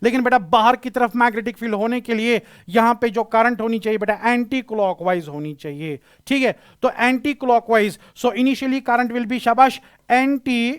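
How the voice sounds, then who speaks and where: A man's voice: extremely high pitch, normal speed, few pauses, clear, resonant tone, no echo, clean studio sound. A male physics teacher giving a classroom lecture, explaining patiently, repeating key phrases and using terms.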